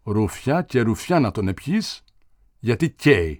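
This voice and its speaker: A man's voice: fairly low pitch, very animated, darkish tone, dry recording, clean studio sound. A man reading aloud and voicing a proud, wealthy village father who speaks with a sly, mildly mocking edge.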